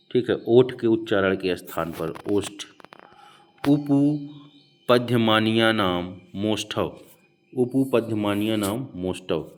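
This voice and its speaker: Slow, low-voiced Hindi teacher. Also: male voice. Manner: slow, repeats mnemonics aloud. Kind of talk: exam prep lecture.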